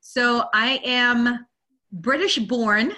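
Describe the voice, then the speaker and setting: Bright-voiced woman telling her story. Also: on the high side, extremely slow. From Guyana. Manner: candid, open storytelling with frequent "you know". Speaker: guest, spiritual teacher. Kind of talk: personal life story in an interview. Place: Virginia.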